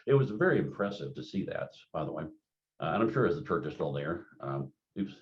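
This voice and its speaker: Deep-voiced older man lecturing. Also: big pitch swings, brisk. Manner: rambling, anecdotal, conversational with many fillers. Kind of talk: continuing-education lecture. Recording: dull lo-fi lecture recording.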